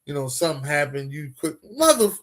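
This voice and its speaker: Man co-host, slightly high voice, laid-back and slangy, animated talker. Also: a little fast. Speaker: podcast co-host. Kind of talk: casual chat.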